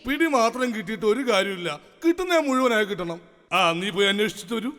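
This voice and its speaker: Pompous comic king, high voice, lively swoops, stage comedy skit. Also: long reverb tail. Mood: bossy. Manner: blustering, peevish, quick with puns. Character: pompous, silly, whiny male king.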